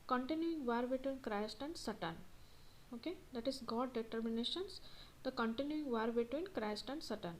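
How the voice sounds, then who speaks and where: A woman's voice: a little high, a little hiss or hum, rough recording. Woman reading study notes aloud. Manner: reads text aloud, then repeats key points. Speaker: tutor.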